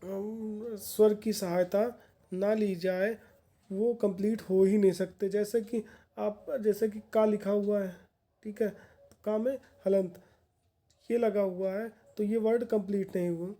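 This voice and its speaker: A woman's voice: mid-range voice, steady tone, takes it slowly, warm tone. A woman teacher giving a grammar lesson for exam candidates, explaining patiently and repeating points in plain words.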